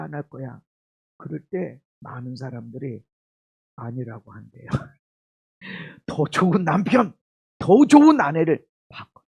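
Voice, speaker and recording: A man preaching a sermon as pastor in a church service. He swings from loud exclamations to quiet asides and puts questions straight to the congregation. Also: sits high, gravelly, husky. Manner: asks the congregation direct questions.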